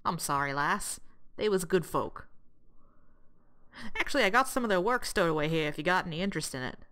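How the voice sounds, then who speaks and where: A woman's voice: lowish voice, animated, brisk, fairly bright tone. A woman voicing a grumpy, folksy old man, a rebel quartermaster in a video game, with an old-timer's drawl. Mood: gruff, rueful. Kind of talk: hobby voice acting of a video game script. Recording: music behind the voice.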